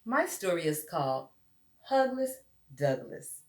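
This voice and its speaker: A woman with a fairly low, very animated voice reads a story to young children at a measured pace, calling them her friends. She's expressive and leans on dramatic emphasis, and the room has an echo.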